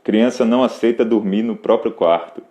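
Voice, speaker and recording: A man's voice: lowish voice, moderate pace, warm tone. A man with a Brazilian Portuguese accent hosting a live Q&A, patiently explaining practical parenting advice straight to a parent. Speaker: host answering parenting questions.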